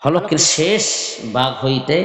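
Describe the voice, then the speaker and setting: Slow, patient man teaching recitation, echoey. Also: fairly high pitch, fairly bright tone. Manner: patient, repeats each syllable, drills it, then asks and answers his own questions. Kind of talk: slow spelling lesson with chanted recitation. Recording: echoey room with long reverb.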